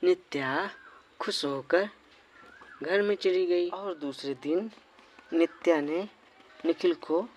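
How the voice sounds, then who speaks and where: One narrator voicing a dramatic storyteller for a doll cartoon. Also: male voice, sits high, slow, long pauses. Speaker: channel narrator voicing all characters.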